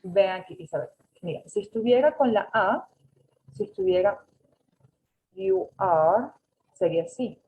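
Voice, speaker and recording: A woman's voice: mid-range voice, sing-song, measured pace, long pauses, phone-quality sound. A woman teaching an English class over a video call, patiently correcting students and mixing with English. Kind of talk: online class instruction.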